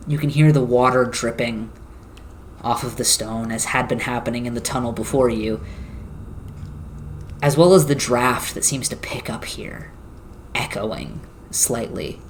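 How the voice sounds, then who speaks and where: A game master narrating a tabletop game, describing a scene in slow, searching phrases with filler words. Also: mid-range voice, slight background noise.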